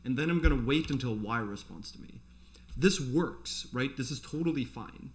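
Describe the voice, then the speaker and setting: A man's voice: mid-range voice, lively intonation, normal speed. Man explaining code off the cuff. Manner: conversational, thinks aloud while explaining. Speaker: programming instructor. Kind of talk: informal live coding tutorial, explaining off the cuff.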